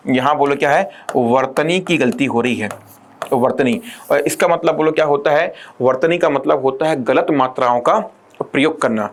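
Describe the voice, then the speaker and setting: A male teacher giving an exam-prep lecture who keeps asking the class rhetorical questions and slows down to dictate definitions. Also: a little high.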